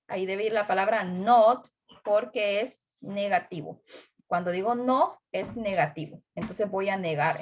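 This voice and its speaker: Bilingual woman teaching English grammar. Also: medium pitch. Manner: explains slowly, repeating each term in English and Spanish. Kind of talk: recorded online class.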